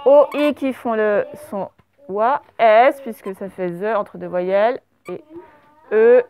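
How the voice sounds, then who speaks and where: A woman teaching a primary class, dictating words slowly and spelling them out letter by letter. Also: mid-range voice, warm tone. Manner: slow, over-articulated dictation of words.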